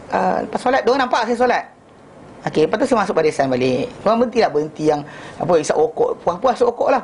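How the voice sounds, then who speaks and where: Man, religious teacher, rapid lively storytelling, restarts, slips in English, faint background hiss. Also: sits high. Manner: animated storytelling, acting out dialogue, many restarts; mixes in English phrases. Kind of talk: informal religious class with anecdotes.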